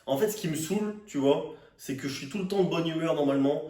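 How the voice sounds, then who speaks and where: A man's voice: on the high side, fast talker, warm tone. Exasperated young man ranting, roomy echo. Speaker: fitness vlogger. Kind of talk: casual slangy venting to camera. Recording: roomy echo, distant microphone.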